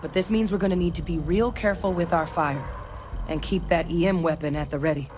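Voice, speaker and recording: A woman's voice: lowish voice, brisk, noisy background, close to an everyday voice. An actress playing a seasoned, commanding female field companion in a video game, urgent and knowing. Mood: grave, knowing. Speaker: companion character.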